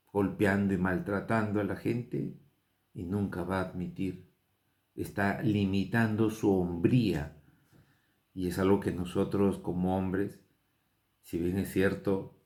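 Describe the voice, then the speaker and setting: A man from Peru preaching a sermon, earnest and unhurried, with rising emphatic bursts. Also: low voice, darkish tone, roomy sound. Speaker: pastor.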